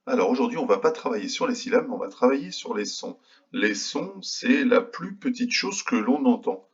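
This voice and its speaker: A male kindergarten teacher giving a remote phonics lesson to young children, slowly and patiently sounding out each letter. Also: medium pitch, very animated, breathy edge, highs cut off.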